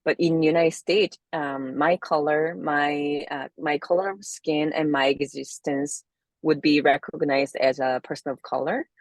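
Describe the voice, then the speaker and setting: With a Korean accent and a low-pitched, slightly slow voice, a South Korean somatic movement therapist reflects aloud as an interview guest, pausing often to find her words. There's no echo.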